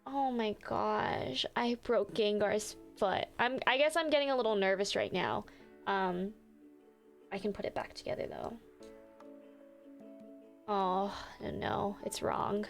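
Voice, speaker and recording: A woman's voice: mid-range voice, unhurried, gravelly, pauses often. A young woman livestreaming in a casual, chatty way, apologetic and full of fillers. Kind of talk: casual live-stream chat. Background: faint background music.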